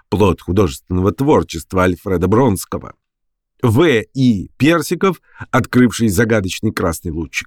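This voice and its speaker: Low-voiced man narrating with lively pitch. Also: dry recording, studio quality. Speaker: audiobook narrator. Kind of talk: expressive literary narration.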